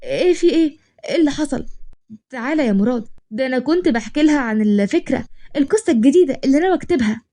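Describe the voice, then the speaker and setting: A woman's voice: sits high, lively intonation, rapid-fire, mellow. A woman doing a bragging, playful young Egyptian man. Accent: Egyptian Arabic. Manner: joking, bragging. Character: boastful playful young man, kind friend.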